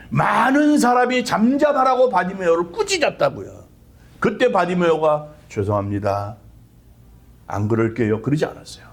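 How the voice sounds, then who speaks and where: A man preaching a sermon as pastor, with impassioned delivery that acts out cries of prayer. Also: high voice.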